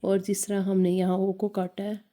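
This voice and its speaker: A woman's voice: mid-range voice, monotone, normal speed, warm tone. A woman teaching a beginner Italian lesson, spelling out and repeating words. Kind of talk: slow language lesson.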